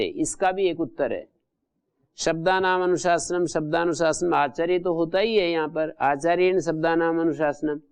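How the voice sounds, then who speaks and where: A man's voice: on the high side, a little mellow, smooth. A man teaching a Sanskrit grammar lesson, methodically repeating and glossing each term. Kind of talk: classroom lecture explaining grammar rules.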